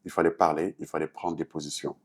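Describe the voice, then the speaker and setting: A Senegalese artist and activist, appearing as a talk show guest, answers interview questions in a French-speaking West African style, explaining things earnestly with a Senegalese accent. His very deep voice is level in tone, quick, and a bit breathy.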